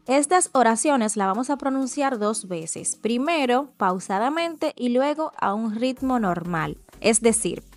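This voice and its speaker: A Dominican woman with a Dominican Spanish accent gives an online English lesson in a fairly high voice. She talks unhurriedly and spells each point out carefully for learners. Soft music plays faintly behind her. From Dominican Republic. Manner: slow, deliberate model pronunciation for learners. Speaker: English teacher.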